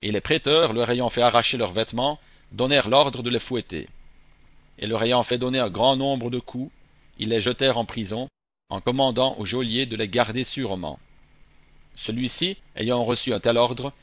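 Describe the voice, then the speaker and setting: A man giving a scripted Bible reading in a measured, even delivery, phrase by phrase. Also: mid-range voice, dry recording. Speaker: scripture reader. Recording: dull, dry close recording.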